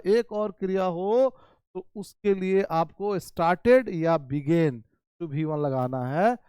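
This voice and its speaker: A young man teaching spoken English in Hindi, reading English example sentences slowly and deliberately. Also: high voice, darkish tone, clear, resonant tone, dry recording. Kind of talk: online spoken English lesson.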